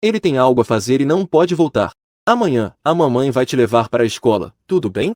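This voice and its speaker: A man voicing a gentle, soft-spoken young mother in a storybook reading, speaking softly and tenderly. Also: mid-range voice, expressive, quick pace, dry recording, clean studio sound, natural voice. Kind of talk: storybook voice acting.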